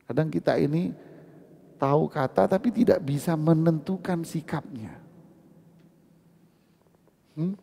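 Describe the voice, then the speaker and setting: A man giving a lively, joking sermon at a mosque study session, teasing the congregation questions. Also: a little high, measured pace, vocal fry, long pauses, a little hiss or hum. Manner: animated, teasing, asks the audience questions. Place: mosque hall. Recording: reverberant mosque hall.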